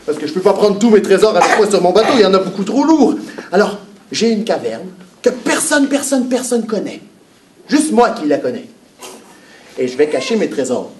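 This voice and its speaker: An actor with a Québécois accent playing a playful, boastful pirate who talks with the children in a live stage show. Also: male voice, high-pitched, very animated, normal speed, a little mellow. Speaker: children's entertainer. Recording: echoey hall, mic far off, background noise.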